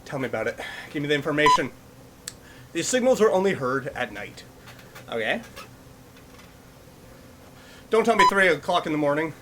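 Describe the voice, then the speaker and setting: Slightly high-voiced and speaking at a moderate pace with frequent pauses, a YouTuber exercises on a bike while reacting to horror clips, a bit breathless. He reads on-screen text aloud and then comments animatedly. Heavy background noise fills the audio.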